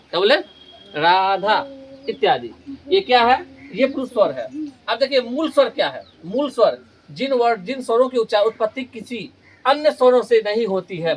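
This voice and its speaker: A man's voice: very high-pitched, slight background noise. Man teaching, quizzing himself as he goes. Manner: asks questions and answers them himself, repeats key terms. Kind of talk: classroom-style grammar lesson.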